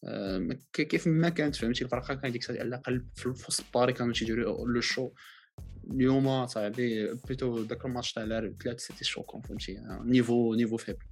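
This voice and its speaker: A man with a Moroccan accent argues casually about football at a very rapid clip. His pitch sits in the middle, and he keeps switching into French phrases and repeating his points insistently. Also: vocal fry, soft background music. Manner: mixes in many French phrases.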